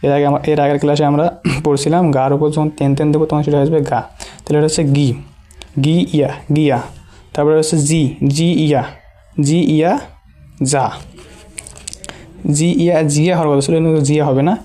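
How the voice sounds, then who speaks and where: Brief: patient language tutor, dark mellow tone, drills syllables over and over. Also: mid-range voice, little pitch movement. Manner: slow, repeats each syllable several times while writing on a board. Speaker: Japanese language teacher. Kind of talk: patient step-by-step lesson.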